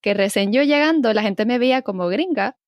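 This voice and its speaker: A woman's voice: on the high side, animated, brisk, no echo, muffled recording. A young woman raised in Spain and Puerto Rico, a podcast guest telling her story in a friendly, talkative way. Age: young adult. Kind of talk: conversational interview.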